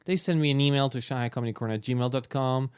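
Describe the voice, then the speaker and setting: Male podcast host, relaxed, filler-heavy, upbeat when giving details. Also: mid-range voice, fast, clear, resonant tone. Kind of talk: casual podcast hosting.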